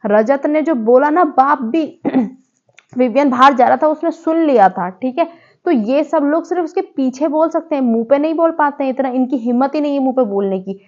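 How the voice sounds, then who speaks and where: A woman's voice: high-pitched, moderate pace. Opinionated woman reviewer, lo-fi sound. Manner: opinionated, scolding asides to contestants; chatty, restarts mid-word. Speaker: TV show reviewer. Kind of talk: casual spoken review. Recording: dull lo-fi sound.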